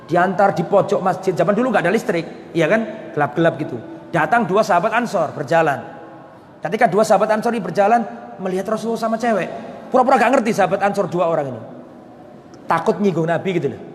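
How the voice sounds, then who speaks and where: Lively preacher in an echoey hall. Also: male voice, high voice, fast, slight background noise. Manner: lively storytelling, asks the audience questions, acts out quoted lines. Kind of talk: religious study lecture. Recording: echoey hall, faint ambience.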